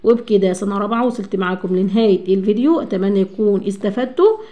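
A woman teacher with an Egyptian Arabic accent giving a children's grammar lesson, asking questions and answering them herself, slowing down to spell words out. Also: mid-range voice, lo-fi sound.

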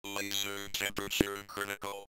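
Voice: low-pitched, moderate pace, music in the background. A synthesized robotic voice acting as a spaceship computer, announcing alerts in clipped, evenly spaced words. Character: flat computerized spaceship warning voice. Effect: robotic speech-chip voice, stiff and monotone. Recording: old arcade audio with steady hum.

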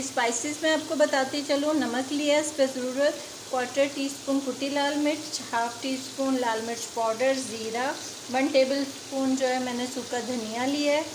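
In a casual cooking demonstration for her channel, a high-pitched woman speaks at normal speed with fairly even intonation, chatting through each step at the stove. Loud sizzling fills the echoey kitchen, leaving a noisy background.

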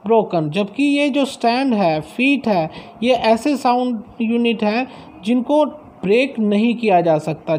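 A woman teacher explaining a lesson, slow and deliberate, drawing out words as she reads them aloud. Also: a little high, darkish tone.

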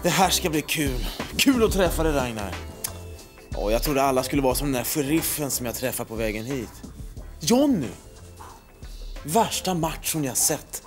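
Brief: actor voicing a dry, awkward radio guy with animated pitch. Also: music in the background, lightly acted. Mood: chatty. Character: new radio host in town, wry, mild. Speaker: radio host. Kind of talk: film drama acting.

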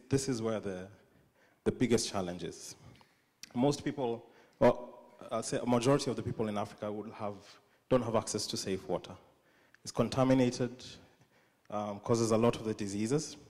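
A young Kenyan-accented man gives a live conference talk on a large, dark auditorium stage with a handheld mic, being humorous and self-deprecating and often restarting his sentences. His fairly low, darkish voice keeps a moderate pace, and the hall adds long reverb.

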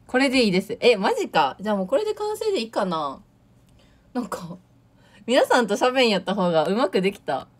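A woman's voice: medium pitch, sing-song, brisk. Bubbly young woman with a Kansai lilt. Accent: Kansai Japanese with Awa dialect touches. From Tokushima, Japan. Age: late teens. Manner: chatty and bubbly, often laughing. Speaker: idol audition livestreamer. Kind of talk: casual livestream chat reading viewer comments.

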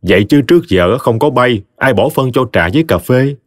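A man's voice: mid-range voice, animated, normal speed, no room sound, natural voice. A man doing a blunt old country mother. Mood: teasing. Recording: dry voice with faint music.

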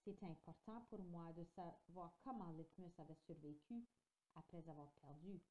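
A woman reading a children's novel aloud at home, with expressive, lively storytelling, in a dull lo-fi recording. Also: on the low side, moderate pace. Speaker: audiobook reader.

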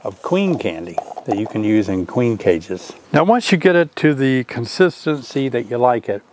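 With an expressive, mid-range voice at a moderate pace, an older man teaches beekeeping in a casual, chatty vlog and often questions his viewers. The background is noisy. The setting shifts from outdoors by a hive to a covered porch.

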